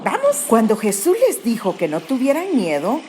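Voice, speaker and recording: A woman teaching a Bible lesson to children, telling the story with animated questions to the kids. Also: fairly high pitch, normal speed, slight background noise.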